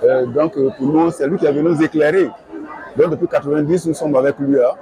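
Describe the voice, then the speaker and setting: A middle-aged man speaking in a measured way with many hesitations, on a lapel mic at an outdoor rally. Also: fairly high pitch, low-quality recording. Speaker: party supporter. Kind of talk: street interview. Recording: lively crowd noise outdoors.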